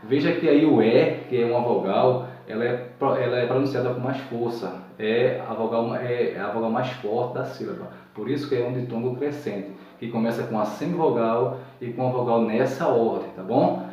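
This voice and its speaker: A man's voice: mid-range voice, normal speed, mellow. A man giving a recorded grammar lesson, patiently repeating each point and checking that his listeners follow. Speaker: teacher. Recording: echoey room, distant mic, dull sound.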